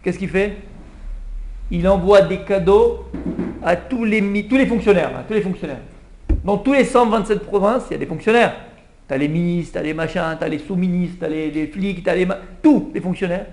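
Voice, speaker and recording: A man, a rabbi, giving a lively Purim Torah class and acting out the king's pleading for a small audience. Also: high-pitched, moderate pace. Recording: echoey room, faint background hum.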